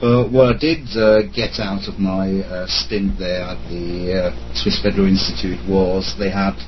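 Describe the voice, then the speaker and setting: A web accessibility expert in his thirties, born in Germany and raised in Italy, appears as a podcast guest from his room at home. His low, level voice moves at a measured pace as he rambles through the questions with many fillers and restarts. The lo-fi audio is slightly dull, with a faint hum.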